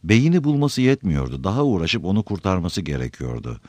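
A man reading a fantasy novel aloud as an expressive audiobook narrator. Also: sits low, fairly quick, no echo, lo-fi sound.

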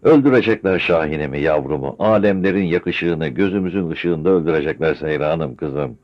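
A man voicing a grieving, frail old village man who pleads tearfully in a high, strained voice. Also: moderate pace. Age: older. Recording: dull lo-fi recording.

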